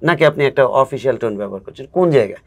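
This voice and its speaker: A man's voice: mid-range voice, animated, very fast. A man who coaches spoken English, a guest in a casual interview, explaining patiently and acting out examples.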